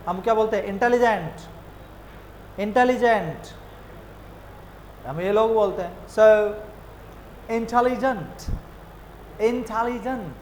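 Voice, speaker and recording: A man's voice: high-pitched, a little hiss or hum, rough recording. A man with an Indian accent teaching spoken English, asking questions and answering them himself as he drills words. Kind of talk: classroom lesson mixing Hindi and English.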